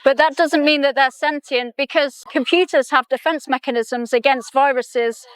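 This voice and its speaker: A woman's voice: high voice, fairly even intonation, normal speed, dry recording, low-quality recording. A woman explaining her position in a casual back-and-forth debate as an interviewer. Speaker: interviewer, vegan advocate.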